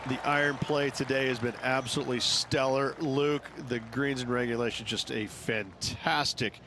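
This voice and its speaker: A man's voice: medium pitch, steady tone, normal speed, sharp tone, slight background noise. A man giving analytical golf commentary, explaining how the course should be played.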